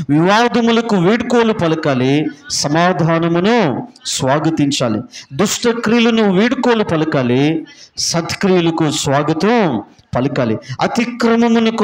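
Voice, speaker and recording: A man preaches a sermon in a church prayer hall, his voice sitting on the higher side. He works through lists word by word with emphasis. He throws out call-and-response questions and answers them himself. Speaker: pastor.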